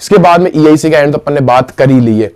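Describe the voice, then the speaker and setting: Casual history teacher, slightly high voice. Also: male voice, quick pace, darkish tone. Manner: casual, asks and answers his own questions; calls listeners "bhaiya". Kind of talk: exam-prep history lesson.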